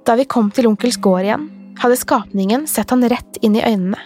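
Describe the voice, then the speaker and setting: Woman reading a creepy story, calm and measured, voice sits a bit high, soft music underneath. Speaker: podcast narrator. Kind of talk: scripted horror narration.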